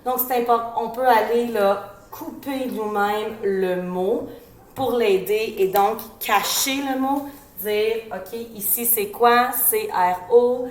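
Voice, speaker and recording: Québécois woman explaining, slow sounding-out. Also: a little high, reverberant. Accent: Québécois French. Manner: sounds out letters and syllables slowly and deliberately. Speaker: educator advising parents. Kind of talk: informal instructional talk.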